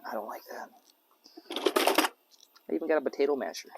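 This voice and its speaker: A man's voice: mid-range voice, fairly quick, gravelly, darkish tone, slight background noise, rough recording. A man vlogging from an outdoor campsite, rambling casually to camera and his dog as he cooks. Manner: rambling, talks to his dog and jokes to himself. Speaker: camping vlogger. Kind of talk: casual talk to camera while cooking.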